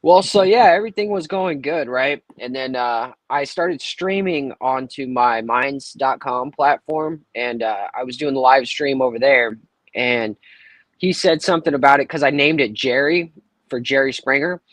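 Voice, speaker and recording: A man's voice: medium pitch, normal speed, no room sound. A man on livestream headset audio, dry, close sound. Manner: animated, acts out quoted people with a raised voice. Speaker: caller on a livestream. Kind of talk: casual chat, telling a story.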